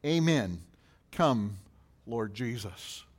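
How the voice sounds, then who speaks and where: A pastor preaching a sermon, asking questions in a rising voice and answering them more quietly. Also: male voice, medium pitch, lively intonation, drawn-out words.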